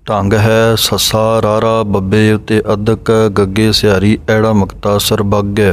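A man teaching the correct recitation of sacred verses, reading each line slowly and then patiently explaining where to pause and how to pronounce each word. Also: on the low side, smooth. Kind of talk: pronunciation lesson on sacred verses.

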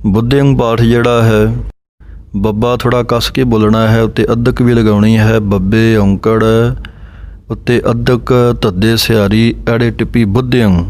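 A man leads a recitation lesson, chanting each verse slowly and then breaking it down letter by letter. His voice sits low and stays level, with little rise or fall. He speaks in a smooth, clear tone throughout. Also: little pitch movement, a little mellow. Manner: slow measured chanting of verses, then spelling out letters and pauses. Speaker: scripture recitation teacher. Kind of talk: recitation lesson on Sikh scripture pronunciation.

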